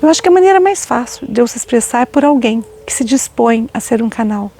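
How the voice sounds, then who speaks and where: A middle-aged woman, a spiritual teacher, shares a personal story directly with her audience, full of heartfelt emotion. Her slightly high voice has a dark, mellow color and a gravelly, breathy texture. She speaks quickly with lively intonation.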